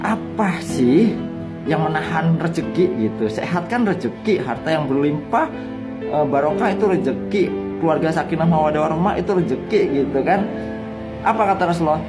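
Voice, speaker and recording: A man's voice: fairly high pitch, lively intonation, moderate pace. A male Islamic preacher giving a sermon, telling a story and firing rhetorical questions at his listeners. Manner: storytelling, rhetorical questions, addresses the audience directly. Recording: guitar music underneath.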